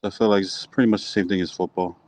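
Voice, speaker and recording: Young male athlete in an interview: low, even voice, nonchalant and understated, dry close sound. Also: fast talker, no room sound. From Hawaii. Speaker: slap fighting athlete being interviewed. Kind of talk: casual interview answers.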